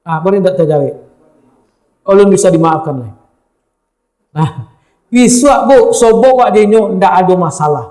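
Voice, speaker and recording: A man with a high voice and a Minangkabau accent delivers a sermon and keeps turning to his listeners. His lively voice carries through an echoey room. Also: moderate pace, pauses often. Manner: lively, addresses the audience directly. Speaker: preacher.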